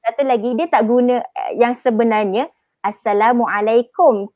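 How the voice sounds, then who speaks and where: A woman with a Malaysian Malay accent teaching Arabic pronunciation in a live online lesson, chatty, drawing example words out slowly. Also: on the high side, fairly even intonation, no room sound, muffled recording.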